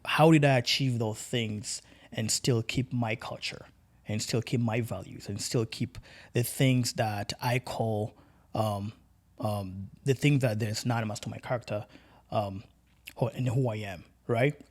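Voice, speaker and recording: A man's voice: on the low side, fairly even intonation, unhurried. A young man from Tanzania, a podcast guest, talking earnestly in casual conversation and often repeating words as he searches for what to say.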